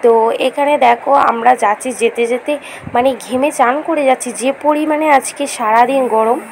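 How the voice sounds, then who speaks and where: A woman narrating a casual vlog, chatty and enthusiastic as she talks straight to her viewers, her voice hoarse after a fever. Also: high-pitched, a little fast, a little hiss or hum, low-quality recording. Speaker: vlogger.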